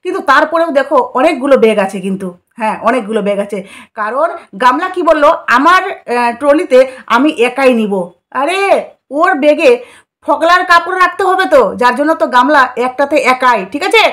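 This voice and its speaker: High-voiced woman spilling gossip. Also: animated, quick pace, fairly bright tone. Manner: conspiratorial, rhetorical questions to viewers. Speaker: vlogger. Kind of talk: gossip commentary vlog.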